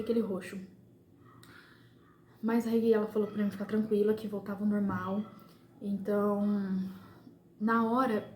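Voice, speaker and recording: A woman's voice: on the high side, mellow. A young woman chatting to her viewers at home, telling a story and acting out what people said. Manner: chatty, addresses viewers as "gente", acts out quoted dialogue. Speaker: vlogger telling her pregnancy stories. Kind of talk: casual storytelling to camera. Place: home, moving between rooms. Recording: echoey home room, faint background noise.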